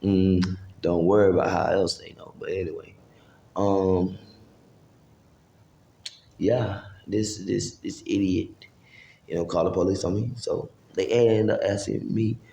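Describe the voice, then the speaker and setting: A man's voice: low-pitched, fairly even intonation, unhurried, vocal fry, long pauses, dark tone, roomy sound, slight background noise. A man, casually telling a long, profane, rambling story to camera and acting out what people said. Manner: rambling, profane street talk with acted-out quotes. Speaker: vlogger.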